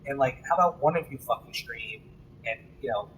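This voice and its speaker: A man's voice: mid-range voice, brisk, slight background noise, rough recording. A man co-hosting a podcast in casual chat, ranting with lots of swearing. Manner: profane, heated ranting. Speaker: podcast co-host.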